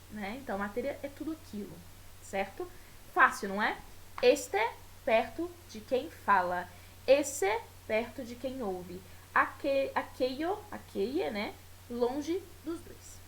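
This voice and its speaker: A Brazilian woman teacher giving a recorded Spanish lesson with a Brazilian Portuguese accent. She explains patiently and keeps checking in with her class. She stretches out example words slowly so they can hear the pronunciation. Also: fairly high pitch, fairly bright tone, slight background noise, low-quality recording. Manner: checks in often with tag questions. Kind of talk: recorded school video lesson.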